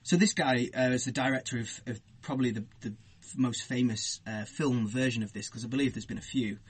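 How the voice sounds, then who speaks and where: Husky guy on a podcast, explaining stuff, lots of uhs and restarts. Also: mid-range voice, fairly even intonation, brisk. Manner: hesitant, lots of fillers while explaining. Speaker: podcast co-host. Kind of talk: casual chat.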